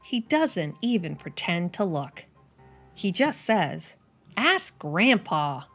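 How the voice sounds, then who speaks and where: This young adult storytime host has a fairly low, husky voice and reads a picture book to young children with faint music in the background. Her reading is animated, expressive, and carefully paced for little ones.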